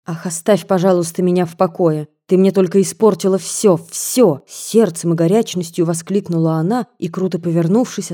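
A woman narrating a first-person story as an audiobook reader, calm and measured. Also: medium pitch. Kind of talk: scripted narration.

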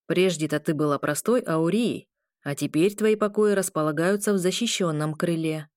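A woman's voice: lowish voice, moderate pace, a little mellow, dry recording, studio quality, close to an everyday voice. A woman voicing a boastful, sly male legate guard in an audiobook. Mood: smug.

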